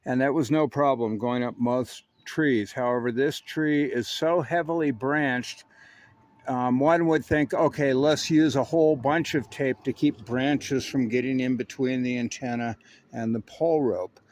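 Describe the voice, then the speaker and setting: The host of a radio hobby channel speaks unhurriedly in a medium-pitched, darkish voice with fairly even intonation. His hobby video is a folksy how-to, showing and narrating a hands-on job step by step.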